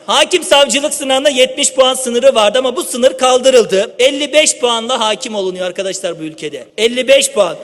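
High-voiced guy speechifying at a podium mic, long hall echo, emphatic. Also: a bit bright. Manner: emphatic, addresses the room repeatedly. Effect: speaking at a podium microphone. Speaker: politician. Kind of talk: parliamentary floor speech. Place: large legislative chamber. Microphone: podium microphone.

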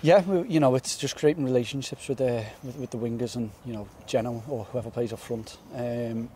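A young man talks fast and earnestly after a match, tripping over repeated words as he gathers his thoughts. His voice sits at a medium pitch with a mellow, dark tone. He is recorded outdoors on a floodlit pitch, with a faint open-air hush behind him. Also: steady tone, a little hiss or hum. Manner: quick, earnest, repeats words while thinking. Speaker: footballer. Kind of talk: post-match interview. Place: floodlit football stadium pitch at night, outdoors. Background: faint outdoor stadium ambience.

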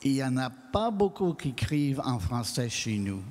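A man with a Franco-American French accent answering audience questions on stage, earnest and measured, on a handheld mic. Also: mid-range voice, big pitch swings, darkish tone. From New England, United States. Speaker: guest writer. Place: stage of a large hall. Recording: long hall reverb.

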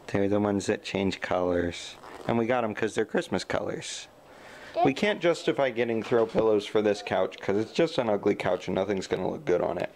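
Joking dad vlogging with a handheld camera. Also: male voice, fairly low pitch, normal speed, darkish tone. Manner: joking, chatty, talks to camera. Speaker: family vlogger. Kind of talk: casual home vlog. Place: cluttered living room at home.

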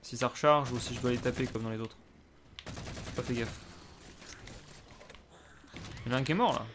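A man's voice: medium pitch, fairly even intonation, normal speed, background noise. French gamer commenting his play, casual. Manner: casual, swearing, frequent hesitations and sudden exclamations. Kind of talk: live gameplay commentary.

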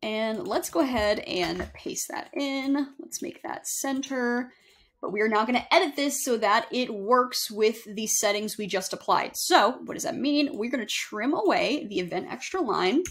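A young woman giving a casual screen-share software tutorial, chatty and self-correcting as she walks through each step. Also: a little high, expressive, normal speed. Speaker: email marketing instructor. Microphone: webcam overlay on screen recording.

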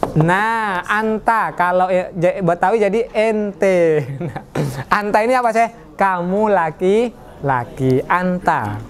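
A man's voice: high voice, a little hiss or hum. A man teaching an Arabic class in a mosque, joking with his students and quizzing them as he goes. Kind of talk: classroom lesson.

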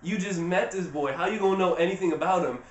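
A man's voice: high-pitched, fast talker, slight background noise, lightly acted. A cold, sassy young queen, put on by a man in a comedy vlog, blunt and snappy, in a voice set a little above his own. The sound bounces around an echoey room. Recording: roomy echo.

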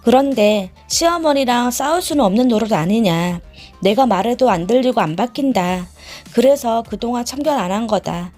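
A woman's voice: fairly high pitch, normal speed, darkish tone, soft background music, lightly acted. A woman voicing a weary young husband who pleads in a subdued way in a read-aloud story. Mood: pleading.

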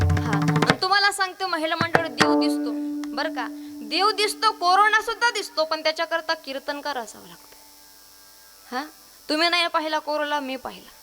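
A woman kirtankar from Maharashtra, India, delivers a devotional sermon to a gathering of women. Her voice sits high, with a bright and forceful tone. She works in call-and-response, quizzing the audience and breaking into sung verses.

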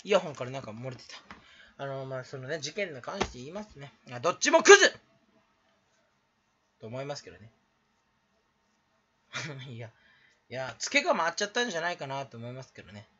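A man's voice: mid-range voice, very animated, brisk, long pauses, sharp tone, husky, muffled recording. A teenage man talking to camera in a rambling, self-mocking comedy vlog, joking and scolding himself, recorded on a camera mic in a small room. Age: teens. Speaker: small YouTuber.

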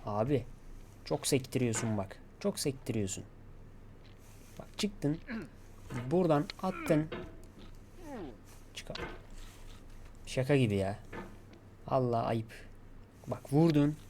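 A man giving gameplay commentary, talking to himself and coaxing himself to stay calm. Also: mid-range voice, slow, long pauses, background noise. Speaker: gaming YouTuber.

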